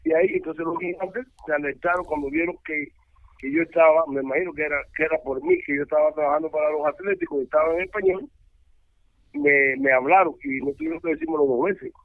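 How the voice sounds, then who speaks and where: An older man, once a ballplayer and now a baseball analyst, spins rambling, animated stories full of restarts. His voice sits high and swoops about with a gravelly edge. It comes through a thin, tinny phone line with no room around it. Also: fast talker, no echo. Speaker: baseball analyst, former player. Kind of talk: casual interview over the phone.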